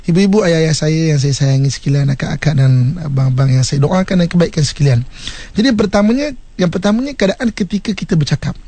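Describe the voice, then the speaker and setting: Man, Malaysian Malay accent, radio religious teacher, high pitch, dry studio sound. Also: animated, quick pace, mellow, no room sound. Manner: explanatory, acts out short examples with shifting intonation.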